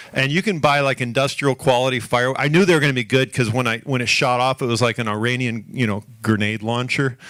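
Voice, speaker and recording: A man's voice: medium pitch, fairly bright tone, no echo. A middle-aged man from Cleveland doing a stand-up comedy set on a club stage, wry and self-deprecating, chatting with the crowd. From Cleveland, Ohio.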